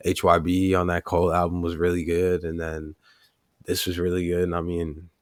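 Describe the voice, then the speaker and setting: A young man co-hosting a podcast, relaxed and easygoing, with slangy casual talk. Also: low voice, normal speed, dry recording, studio quality. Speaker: podcast co-host. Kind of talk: casual chat.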